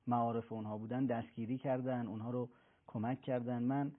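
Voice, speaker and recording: A man's voice: medium pitch, flat delivery. A man speaking as a religious scholar on a talk show, telling a pious story earnestly and quoting the figures in it. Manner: earnest, preaching, recounts tales with quoted voices. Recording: thin phone-like broadcast sound.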